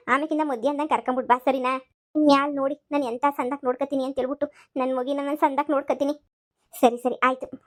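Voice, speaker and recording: A woman playing a bossy village woman in a cartoon comedy. Her voice is high-pitched. She lectures in a brisk, no-nonsense way. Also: natural voice. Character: village woman Lakshmu, bossy, helpful friend.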